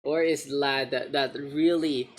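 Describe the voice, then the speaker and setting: A woman's voice: a bass voice, steady tone, measured pace. A woman with a Filipino accent doing casual, joking live game commentary as a streamer. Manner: casual, joking, mixes English with Tagalog. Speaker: esports caster and streamer.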